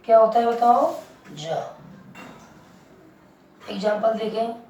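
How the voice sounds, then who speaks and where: A woman teaching pronunciation in a slow, unhurried lesson, repeating each point and quizzing listeners with questions. Her voice sits somewhat high but sounds mellow. It comes from some distance off the mic, in an echoey room with a faint hum behind it. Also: highs cut off. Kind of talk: classroom-style lesson.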